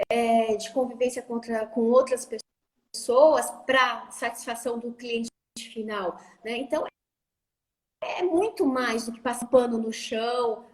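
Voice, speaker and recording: A Brazilian woman talking as a guest on a live stream, animated and putting on little voices when she quotes other people. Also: fairly high pitch.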